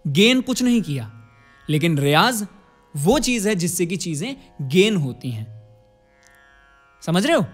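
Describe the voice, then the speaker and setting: A man leads a singing lesson in a high, bright voice. He explains each step plainly and chants vowel drills for his students to copy. Soft music plays faintly behind him. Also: very animated, a little slow, long pauses. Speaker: singing teacher. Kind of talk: vocal lesson.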